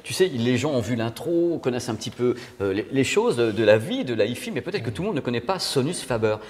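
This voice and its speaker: A man's voice: medium pitch, expressive, fast, breathy edge. A man hosting a vlog on a factory tour, talking with joking enthusiasm and exclamations as he walks around. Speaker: video host. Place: walking indoors and outdoors at a factory.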